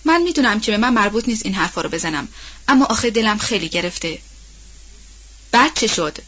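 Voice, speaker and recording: A woman's voice: medium pitch, animated, a bit bright, highs cut off. A woman reading as a fretful old nanny. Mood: worried. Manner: colloquial, rambling and worried. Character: old household nanny woman, anxious and gossipy. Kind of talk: audiobook role-play reading.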